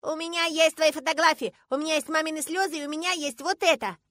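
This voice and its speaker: A woman's voice: high-pitched, fairly even intonation, quick pace, a bit bright, no room sound, studio quality, pitched above the performer's own voice. A woman voicing a stubborn, indignant five-year-old girl who insists like a strict little teacher.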